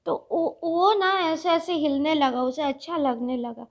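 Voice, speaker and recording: A woman vlogger chatting unscripted to her viewers, speaking slowly and deliberately with many fillers and restarts. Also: sits high, steady tone. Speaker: vlogger reviewing a reality show. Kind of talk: casual unscripted chat to viewers.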